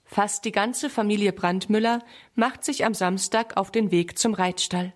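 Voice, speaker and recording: A woman calmly narrating a scripted children's story. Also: medium pitch, unhurried.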